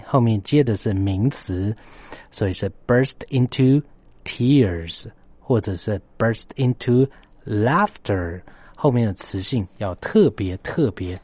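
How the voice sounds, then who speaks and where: A man's voice: medium pitch, darkish tone, dry recording. A man hosting a story-based English lesson, emphatic, often repeating phrases and spelling words out letter by letter. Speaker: English teacher and host.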